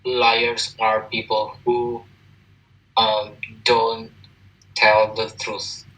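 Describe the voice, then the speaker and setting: A man reads exercise answers in an online English lesson, very slowly and haltingly. His delivery is flat and monotone. He sounds distant from the mic over the video call. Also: lowish voice. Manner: slow, halting reading aloud. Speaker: student. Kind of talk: online class participation.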